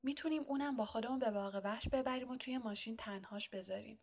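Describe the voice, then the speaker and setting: A woman's voice: a little high, lightly acted. A woman reading an audiobook, voicing a stern, bossy middle-aged aunt who scolds sharply. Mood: scolding.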